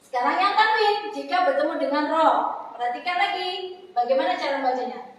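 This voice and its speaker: High-voiced woman teaching Quran recitation. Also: animated. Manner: chants Arabic phrases slowly, then corrects in plain speech. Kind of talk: tajwid lesson with chanted recitation examples. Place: foundation office classroom. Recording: echoey hall, far from mic.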